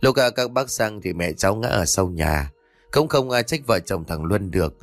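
A man's voice: fairly low pitch, moderate pace, no room sound, lightly acted. A man voicing a reassuring older village neighbor consoling a young man. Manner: calm, reassuring.

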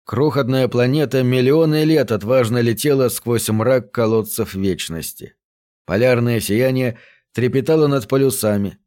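Male narrator reading a sci-fi story, steady measured pace, mid pitch. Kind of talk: audiobook narration.

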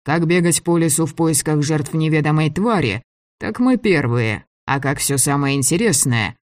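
A man voicing a wry, joking young male student who grumbles slowly, in a dry audiobook. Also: on the high side, animated, no room sound, recorded from a distance, close to an everyday voice.

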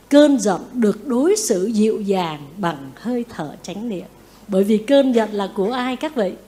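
A Buddhist nun giving a lively dharma talk, often asking her listeners questions and acting out what people say. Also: mid-range voice. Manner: lively, asks the audience questions, acts out quotes. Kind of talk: sermon.

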